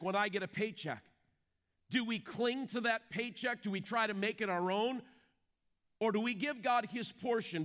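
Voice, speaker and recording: A male pastor delivers a sermon with emphatic conviction and often puts rhetorical questions to the congregation. His voice is high and bright. His pitch rises and falls widely as he drives each point home.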